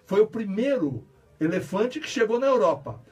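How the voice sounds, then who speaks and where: Man, guest author, rambling storyteller, slightly high voice, breathy husky tone, distant mic. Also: big pitch swings, normal speed, darkish tone. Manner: rambling, repeats words, many restarts. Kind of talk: casual radio interview storytelling. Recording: distant mic, radio studio.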